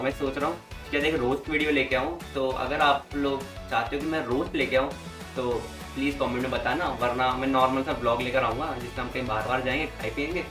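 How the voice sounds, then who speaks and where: Man signing off over guitar music. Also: mid-range voice. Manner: casual, speaks straight to viewers. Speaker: vlogger. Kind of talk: video outro. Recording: echoey room, distant mic, guitar music.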